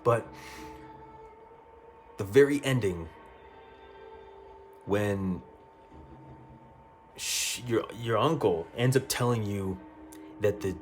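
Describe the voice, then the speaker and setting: Male gaming YouTuber, casual and excitable, swears a lot, repeats himself, faint music underneath. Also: fairly low pitch. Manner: excitable, swears freely, stumbles and repeats words. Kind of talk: casual game review monologue.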